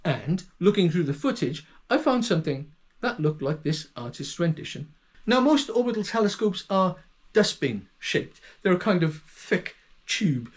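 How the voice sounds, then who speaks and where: A man hosting a solo video monologue, musing and speculating as he goes and often correcting himself mid-sentence. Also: on the high side. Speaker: channel host.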